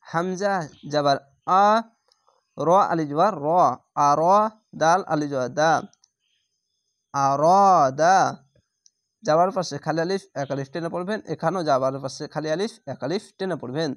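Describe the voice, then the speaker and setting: A man's voice: fairly high pitch, normal speed, no room sound, clean studio sound. A man teaching Quran reading, spelling out each letter and vowel mark and then blending the syllables, with patient explanations between drills. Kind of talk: slow spelled-out recitation lesson.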